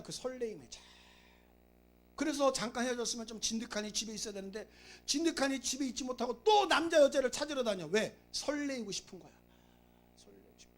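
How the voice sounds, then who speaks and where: A male pastor preaching a sermon, urging his congregation with emphatic repetition and stories. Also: very high voice. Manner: emphatic, repetitive exhortation with storytelling.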